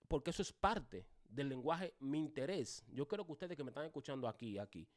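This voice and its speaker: A man's voice: medium pitch, brisk. A man teaching a homiletics class, addressing his students directly with many rhetorical questions. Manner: animated, swings voice loud and soft for demonstration. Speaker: pastor teaching preaching.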